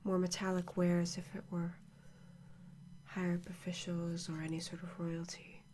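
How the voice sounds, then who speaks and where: Woman as a monotone archaeologist, ASMR role-play, noisy recording. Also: fairly low pitch, lightly acted. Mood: absorbed, hushed. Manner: monotone, hushed, measured. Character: woman archaeologist, calm and absorbed, examining a mysterious artifact. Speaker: ASMR performer. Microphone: close microphone. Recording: clearly noisy close-mic recording.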